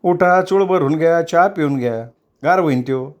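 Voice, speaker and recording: A man's voice: on the high side, moderate pace, voice pushed up, close to an everyday voice. A man voicing an eager male servant calling out and hurrying someone to get up. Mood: urging.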